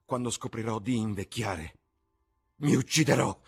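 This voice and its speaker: A man's voice: mid-range voice, very animated, normal speed, husky, pitched above the performer's own voice. A man voicing a vain, desperate young man terrified of growing old, speaking in a strained, impassioned way. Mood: anguished.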